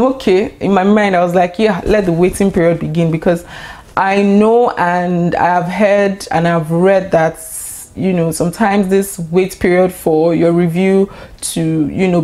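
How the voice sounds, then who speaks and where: A young woman chatting straight to her viewers in a casual vlog. Her voice sits a little low, and she talks in an excitable, chatty way, full of fillers and quick laughs. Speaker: YouTuber.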